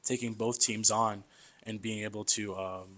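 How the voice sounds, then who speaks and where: A man's voice: fairly low pitch, normal speed. Young man chatting as podcast guest. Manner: loose and chatty, often calls the host "man"; lively storyteller who acts out quoted voices. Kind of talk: casual conversation.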